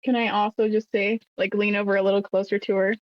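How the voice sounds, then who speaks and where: A woman's voice: mid-range voice, flat delivery, fast talker, no room sound. A woman playing in a tabletop game, earnest and tentative. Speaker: player. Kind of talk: casual tabletop play. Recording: dry, dull mic.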